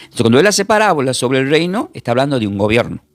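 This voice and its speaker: A man, a pastor teaching a recorded Bible class in an emphatic preaching manner, repeating words and slowly spelling out terms. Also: medium pitch, big pitch swings, no room sound.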